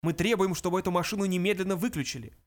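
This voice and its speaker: A man's voice: high-pitched, rapid-fire, voice pushed up, close to an everyday voice. A testy, self-important older philosopher who lectures with strained authority, as a man puts him on in an audiobook. His voice sits somewhat above the narrator's own and stays on edge. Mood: irritable. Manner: irritable, pompous. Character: irritable older male philosopher, pompous spokesman.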